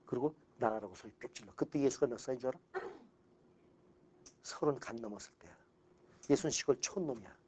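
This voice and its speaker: Male exam-prep lecturer, mid-pitched, casual and animated, blunt with punchy asides. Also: a little fast, long pauses. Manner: animated, mixes sharp outbursts with dry asides.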